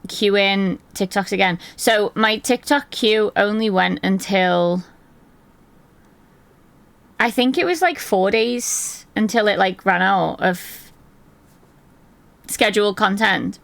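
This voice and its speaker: Hoarse raspy girl streamer just rambling to chat at her desk, lots of vocal fry, dry close sound. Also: medium pitch, slow pace, pauses often, no room sound. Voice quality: gravelly. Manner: chatty, rambling, laughs often. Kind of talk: casual chat with live viewers. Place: at a desk indoors.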